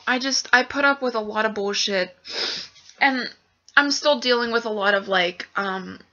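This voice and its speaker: A woman's voice: on the high side, bright, forceful tone. A young woman venting frankly in a vlog, swearing often and full of fillers. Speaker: vlogger. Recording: dull lo-fi webcam audio.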